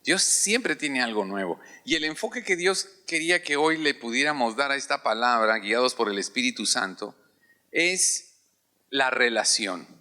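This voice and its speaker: A man's voice: mid-range voice, normal speed, pushed and bright. A male pastor preaching a sermon in a church, calling out hallelujah and having the congregation repeat phrases after him.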